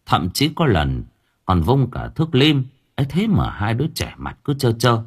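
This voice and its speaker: A man narrating an audiobook story in an expressive storytelling manner. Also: medium pitch, moderate pace, breathy edge. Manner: expressive, swinging voice for drama.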